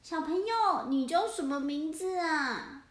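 A mischievous gang of greedy stray cats squeals and meows through a storybook, voiced by a woman reader. The voice sits high, and the room echoes. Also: expressive, unhurried. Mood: playful. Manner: silly, meowing, playful.

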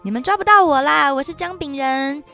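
A woman doing a cheeky high gingerbread man. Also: a little fast, vocal fry, pushed and bright, soft background music, exaggerated voice. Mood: taunting. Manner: sing-song taunting chant.

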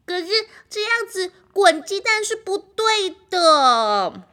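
A woman's voice: extremely high pitch, very animated, slow pace, pushed and bright, voice pushed up, heavily acted. A woman voicing a timid, anxious little duckling in a children's storybook, fretful and pleading.

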